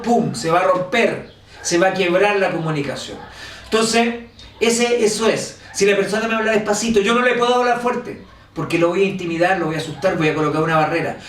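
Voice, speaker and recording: Chilean guy teaching an online class, kinda high voice, animated, sounds far from the mic in an echoey room. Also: a little hiss or hum. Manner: animated, asks for agreement with "¿cierto?". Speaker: instructor. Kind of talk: online course lecture.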